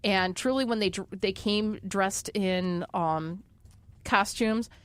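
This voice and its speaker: A middle-aged woman swaps family stories on a casual chat show. She talks easily and breaks into laughter now and then, in a relaxed storytelling manner. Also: medium pitch, takes it slowly, clear, resonant tone, no room sound. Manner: chatty storyteller, laughs often. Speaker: podcast co-host.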